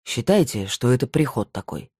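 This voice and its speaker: A stern male medium, played by an audiobook reader, speaks slowly in curt, grim sentences. His tone is warm and husky. The recording is dry and close. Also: mid-range voice, big pitch swings, dry recording. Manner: slow, clipped and curt. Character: stern bearded male medium, weary and tense.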